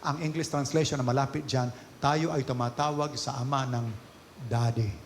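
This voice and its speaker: A man preaching a sermon, mixing Filipino and English, with sudden loud emphatic rises in his delivery. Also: mid-range voice, fairly even intonation, moderate pace. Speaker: pastor. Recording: long hall reverb, faint noise.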